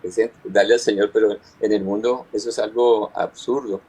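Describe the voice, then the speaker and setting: Husky man giving testimony. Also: on the low side, steady tone, darkish tone, rough recording. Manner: earnest, halting, repeats words while recounting. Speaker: pastor. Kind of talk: personal testimony in conversation.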